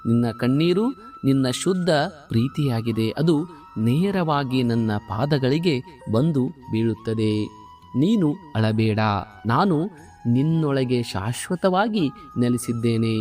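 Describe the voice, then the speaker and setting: A man voicing the god Krishna in a slow, solemn devotional monologue, consoling a devotee and lifting his voice on stressed words. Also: medium pitch, expressive, a little mellow, soft background music, lightly acted. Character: the god Krishna, calm consoling divine male.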